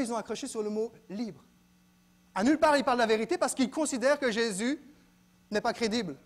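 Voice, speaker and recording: A man preaching a sermon in a church, dropping to quiet asides and then rising to loud exclaims. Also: very high-pitched. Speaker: pastor.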